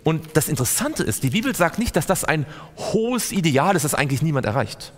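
A man's voice: a little high, sing-song, fairly quick, slight background noise. A man teaching a Bible study to a group, quizzing his listeners and repeating words for emphasis. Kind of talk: interactive Bible study talk. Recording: long hall reverb.

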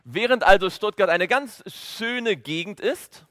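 A man's voice: high-pitched, expressive, a little slow, a bit bright. A man interpreting a sermon phrase by phrase. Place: large reverberant hall. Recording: long hall reverb.

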